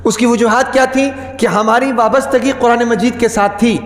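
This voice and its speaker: In a reverberant, echoey hall, a male preacher with a very high, fairly bright voice keeps a steady tone through his Friday sermon. He poses rhetorical questions to the congregation again and again and repeats key words for emphasis.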